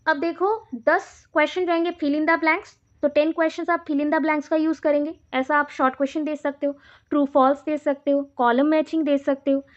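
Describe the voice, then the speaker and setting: Brisk high-voiced Indian woman teacher. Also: steady tone. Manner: brisk, instructive, reads questions aloud slowly. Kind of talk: exam revision lecture. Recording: dull lo-fi recording.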